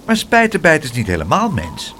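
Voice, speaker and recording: A man voicing a gentle, earnest young boy who pleads reasonably. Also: a little high, huge pitch swings, moderate pace, a little hiss or hum, voice pushed up. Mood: pleading.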